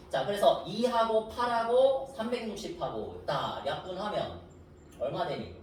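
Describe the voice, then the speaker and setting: A man teaches a math lesson at the board, his pitch moving up and down a lot as he keeps asking the class whether they follow. He is recorded from a distance in a very echoey room, with a faint hiss of noise behind him. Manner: coaxing, asks students check questions.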